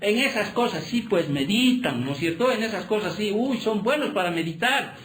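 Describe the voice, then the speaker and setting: A man's voice: high voice, animated, normal speed, fairly bright tone, slight background noise. A man, a pastor, preaching a sermon and pressing the congregation with constant rhetorical questions. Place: church hall. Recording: echoey church hall.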